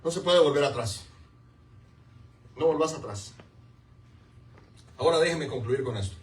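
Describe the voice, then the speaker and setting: A man's voice: on the high side, a little slow. A man preaching a sermon as pastor, emphatic and repeating key words while calling on the congregation to answer. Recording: echoey room, mic far off.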